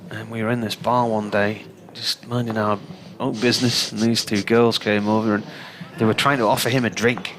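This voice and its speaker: A man's voice: lowish voice, flat delivery, normal speed, few pauses, fairly bright tone, slight background noise. A man co-commentating on cricket, chatting dryly and telling anecdotes. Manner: dry, anecdotal storytelling. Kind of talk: radio cricket commentary with chat.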